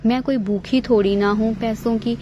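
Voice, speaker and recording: A woman's voice: fairly high pitch, steady tone, moderate pace, lo-fi sound, noisy background, lightly acted. A woman voicing a sly young daughter-in-law who defends herself and then pleads, in a storybook tale. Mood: pleading.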